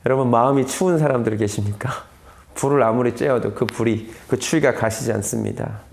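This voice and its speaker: A man teaching the Bible as a sermon, telling the story with dramatic pauses, sometimes dropping to a whisper and asking the audience questions. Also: mid-range voice, creaky, a little mellow, a little hiss or hum. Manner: acts out quoted lines, asks the audience questions.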